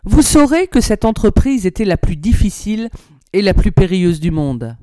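A woman reading an old storybook aloud in a measured, expressive way. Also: medium pitch, dry recording, studio quality. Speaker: narrator, reader.

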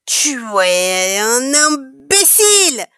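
A woman's voice: high-pitched, very animated, slow, a bit bright, dry recording, clean studio sound, pitched above the performer's own voice, exaggerated voice. A woman voicing a furious, proud witch queen who shrieks and scolds.

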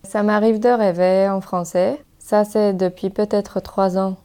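Young mexican woman talking french w/ a spanish accent, mellow low voice, smooth, hesitant and thoughtful. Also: steady tone, a little slow. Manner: thoughtful, hesitant, many fillers and restarts. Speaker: interviewee. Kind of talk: casual interview talk.

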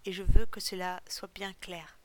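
A woman voicing a cold, cruel male captor chief in a storybook reading, speaking with quiet menace. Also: mid-range voice, flat delivery, normal speed, natural voice.

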